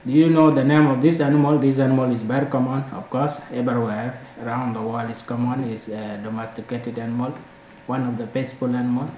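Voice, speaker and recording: Talking fast in a mellow, medium-pitched voice with fairly even intonation, this South Sudanese teacher repeats words for viewers learning Dinka, his native language. The casual lesson was recorded in an echoey room, with muffled sound and a little noise.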